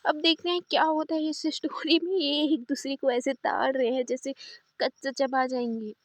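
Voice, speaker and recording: A woman with a high voice retelling a story in a chatty, casual manner, leaning on repeated fillers. The recording is dry and close, with no room sound. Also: steady tone, normal speed, dry recording.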